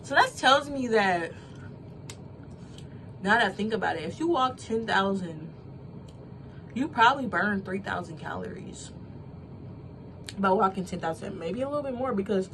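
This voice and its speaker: A woman's voice: mid-range voice, normal speed, pauses often, low-quality recording. A woman in her twenties talking casually in a rambling personal vlog, full of filler words and restarts. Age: 20s. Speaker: vlogger. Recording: steady background hum.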